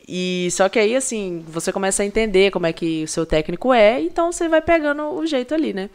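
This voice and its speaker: A young Brazilian woman, a professional athlete guesting on a podcast, telling lively stories and acting out what others said. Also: mid-range voice, fast, clear, resonant tone. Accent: Brazilian Portuguese. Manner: animated storyteller who acts out quoted lines. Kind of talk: casual podcast chat.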